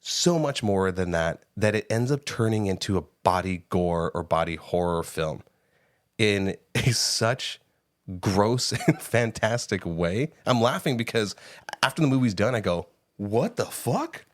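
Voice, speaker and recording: A man co-hosting a podcast, giving a casual, animated movie review with frequent swearing and laughter, close on the mic. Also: on the low side, measured pace, no room sound. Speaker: podcast co-host. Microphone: close studio mic.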